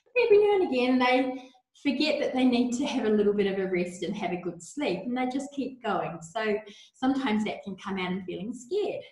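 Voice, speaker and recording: A woman teaching a yoga lesson to young children, talking softly and encouragingly, with breathy sighs during breathing exercises. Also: medium pitch, expressive, moderate pace. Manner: soft, encouraging, coaxing. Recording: very echoey room.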